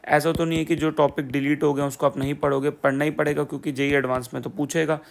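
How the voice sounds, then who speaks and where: Sarcastic young man with gravelly voice. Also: on the high side, flat delivery, fast. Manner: sarcastic, repeats "theek hai bhai" and "poora poora". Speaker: exam prep educator. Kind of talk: casual explainer video.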